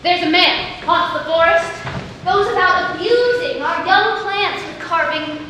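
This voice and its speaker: A woman's voice: very high voice, a little slow, sharp tone, exaggerated voice. A woman on stage playing a witty, teasing young heroine disguised as a youth, declaiming playfully in Shakespearean style. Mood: teasing, mock scornful. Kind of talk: live Shakespeare stage acting. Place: stage performance, recorded from afar. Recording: distant, echoey stage recording with faint noise.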